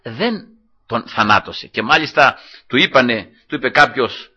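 A man's voice: medium pitch, pushed and bright, husky, muffled recording. A male preacher delivering a sermon, retelling a scripture story with acted quotes and repeatedly addressing his listeners as brothers.

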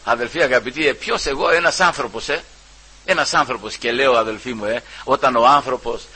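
A man preaching a sermon, repeatedly calling out to his brothers and swinging between loud emphasis and hushed asides. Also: medium pitch, slightly rough, low-quality recording.

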